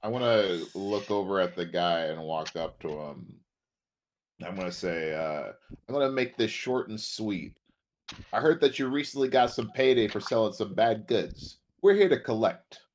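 Low-voiced man, blunt tough character. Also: moderate pace, a little hiss or hum. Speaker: player. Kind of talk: playing a tabletop game in character.

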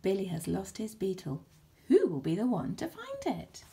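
Expressive female storybook reader, animated, a little gravelly. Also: medium pitch, normal speed. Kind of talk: children's story read-aloud.

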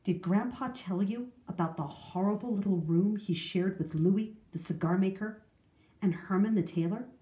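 A woman's voice: medium pitch, dark tone, natural voice. A woman voicing an earnest old grandmother solemnly recalling hard times. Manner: solemn, measured telling. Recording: roomy echo.

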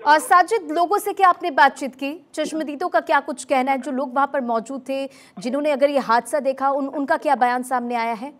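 A woman's voice: sits high, fairly even intonation, brisk, few pauses. A female news anchor presenting breaking news in an urgent, formal way and putting probing questions to a reporter.

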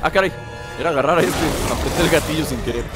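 Mexican man doing chatty gameplay commentary, teasing and playful, fairly high voice, game music behind. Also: fast. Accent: Mexican Spanish.

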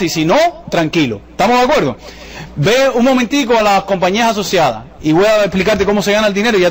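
A man giving a jokey motivational sales presentation to a live audience, firing off rhetorical questions. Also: sits high. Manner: jokey, rapid-fire, full of rhetorical questions. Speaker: business presenter. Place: event room with a live audience.

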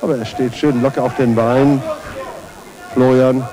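Man, fight commentator, medium pitch, soft mellow tone, unscripted, halting delivery. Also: level tone, poor audio.

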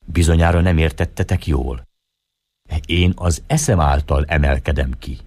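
A man's voice: very deep voice, darkish tone, no echo. A man voicing a proud European man who lectures earnestly about his intellect, in an audiobook reading.

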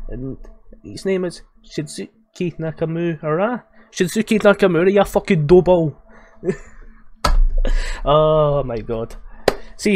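Sweary guy reacting to clips. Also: fairly high pitch. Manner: laughs often, swears freely. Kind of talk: casual reaction commentary.

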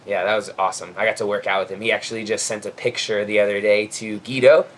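A man's voice: on the low side, flat delivery, fast talker, a little hiss or hum. A man in his thirties hosting a casual backyard chat, upbeat and friendly, recorded outdoors on a covered patio by a camera mic at a distance. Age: 30s. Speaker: host.

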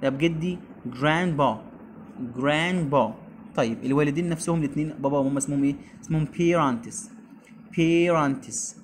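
A man's voice: a little high, normal speed, slight background noise. A man with an Egyptian Arabic accent teaching beginner English, repeating each word and quizzing his pupil.

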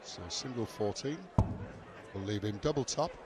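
A man's voice: on the low side, normal speed. A man giving live sports commentary on a darts match. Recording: noisy crowd behind commentary. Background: crowd noise.

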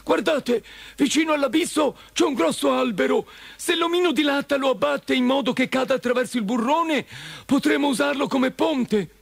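A man voicing an eager, excitable straw scarecrow in a storybook reading, with a shrill gravelly squeak and urgent exclamations. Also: moderate pace. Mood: excited. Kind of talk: storybook character voice.

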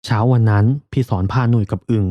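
A man narrating a ghost story in a slow, hushed storytelling manner. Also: lowish voice, steady tone, no room sound, dull audio.

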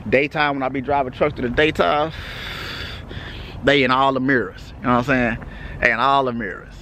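A man's voice: medium pitch, steady tone, fairly quick, bright, forceful tone, a little hiss or hum. Laid-back Texan man vlogging at night. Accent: Texas. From Texas. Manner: laid-back, loose, repeats "you know what I'm saying". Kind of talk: casual vlog update. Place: outdoors at night.

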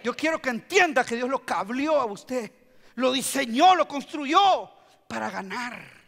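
Animated preacher man, high bright voice. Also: measured pace, gravelly. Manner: animated preaching, acting out quotes, swings between hushed and loud. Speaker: pastor. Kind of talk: sermon. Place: church sanctuary. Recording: long hall reverb.

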